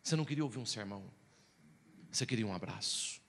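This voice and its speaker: A man preaching a storytelling sermon, animated, swinging between loud exclamations and hushed quiet. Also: on the low side, fast, gravelly, long reverb tail. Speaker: pastor.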